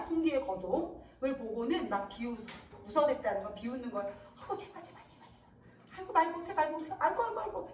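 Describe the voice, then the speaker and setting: A woman's voice: high-pitched, reverberant, far from the mic, poor audio. A woman teaching a classic novel for exam prep, acting out the characters' lines in a casual, slangy way. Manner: animated, acts out characters' lines. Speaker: Korean literature teacher.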